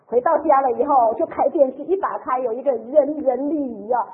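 A woman shares a heartfelt faith testimony in a high voice. Her telling is emotional and chatty, with soft sentence-final particles. The sound is thin and tinny, like a phone line played over the radio. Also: brisk. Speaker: church member giving testimony.

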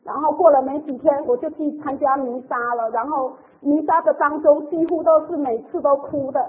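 A high-voiced woman from a church tells her testimony at a normal speed with fairly even intonation, though her telling stays emotional and chatty and her sentences end in soft particles. It sounds like a phone call played over the radio, thin and tinny.

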